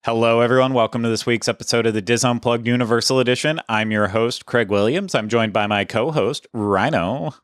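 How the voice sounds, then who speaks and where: A man's voice: medium pitch, a little fast, hardly any pauses, clean tone, no echo, studio quality. A man hosting a casual podcast, talking in a chatty, rambling way with frequent restarts. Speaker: podcast host.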